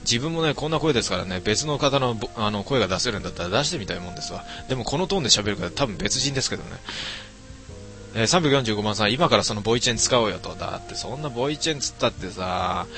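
A man's voice: lowish voice, lively intonation, fast talker, music in the background. A man casually reading viewer comments aloud and joking at his own expense. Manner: self-mocking, muttering asides. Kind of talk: casual chat.

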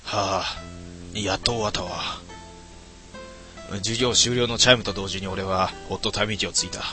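A man's voice: on the low side, steady tone, moderate pace, bright, forceful tone, faint music behind. A man voicing a shy, lovesick teenage cat-boy student with a Kansai accent, reading visual novel lines as a flustered, stammering inner monologue. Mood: wistful.

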